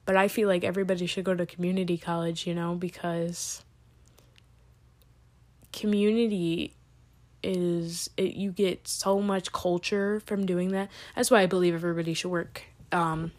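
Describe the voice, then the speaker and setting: A woman's voice: lowish voice, flat delivery, normal speed. Chatty teen girl rambling solo podcast. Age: late teens. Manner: chatty, scattered, full of "like" and trailing tangents. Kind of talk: rambling casual podcast monologue.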